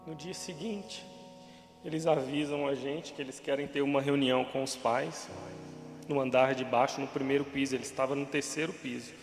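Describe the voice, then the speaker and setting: A man giving an emotional testimony to a church congregation, his voice rising toward shouting at the hardest moments. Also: medium pitch, steady tone, normal speed. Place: church hall. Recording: echoey hall with music behind.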